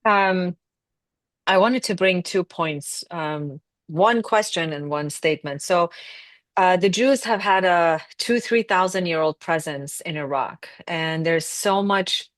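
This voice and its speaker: A woman speaking as a panelist, asking questions in a measured, thoughtful way. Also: lowish voice, dry recording. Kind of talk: panel discussion.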